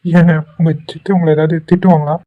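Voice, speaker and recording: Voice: mid-range voice, little pitch movement, narrow, tinny audio, close to an everyday voice. A performer voicing a kind, worried young man in a cartoon, talking anxiously and pleading. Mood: concerned. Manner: anxious, pleading, talks quickly. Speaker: cartoon character. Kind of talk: Tweencraft cartoon voice acting.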